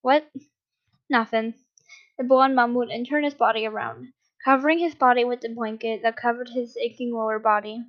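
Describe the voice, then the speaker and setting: A woman's voice: fairly high pitch, fairly even intonation, fairly quick. A woman reading a fan story aloud in a casual, unpolished way, with the odd slip and restart. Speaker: story reader. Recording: dull lo-fi recording.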